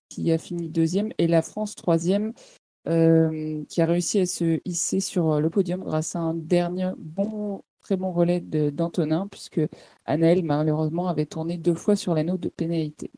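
A woman co-host talks through sports results in a warm, mellow voice that sits a little low. She hesitates often and fills gaps with fillers. Her sound is close and dry. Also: fairly even intonation, normal speed, no echo. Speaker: podcast co-host. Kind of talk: casual sports chat.

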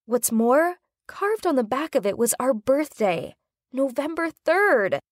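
Animated woman storyteller, close and dry. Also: sits high, unhurried, no room sound. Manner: animated, dramatic. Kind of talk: scripted first-person narration.

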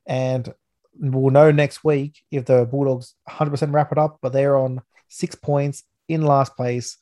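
Male Australian podcast host, soft-edged warm timbre, matey everyday-bloke delivery, casual sports review. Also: medium pitch, little pitch movement, unhurried.

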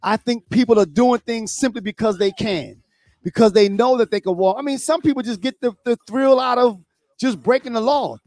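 A man co-hosting a casual talk show, speaking in halting bursts and often repeating and restarting his words. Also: very high voice, darkish tone, dry recording. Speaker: co-host.

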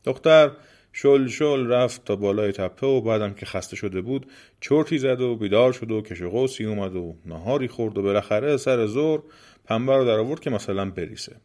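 Low-voiced man telling a folk tale. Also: a little mellow. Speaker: storyteller.

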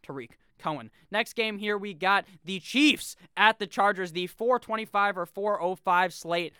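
A young man with a high, bright and smooth voice gives casual solo commentary. His manner is brash and profane, full of jokey asides. The sound is close and dry. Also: measured pace, no echo. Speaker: fantasy football video host.

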